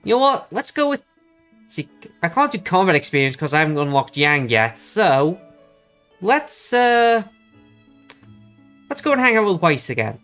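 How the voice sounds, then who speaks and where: A woman's voice: fairly low pitch, big pitch swings, normal speed, pauses often, a bit bright. A woman doing let's play commentary, thinking aloud and chatting to viewers as she reads the game. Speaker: game streamer. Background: game music.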